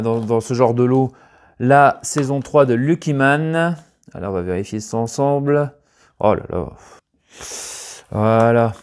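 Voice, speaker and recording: A man in casual unboxing chat as a collector vlogger, rambling and chatty, often searching for words, with bursts of excited emphasis. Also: mid-range voice, slight background noise.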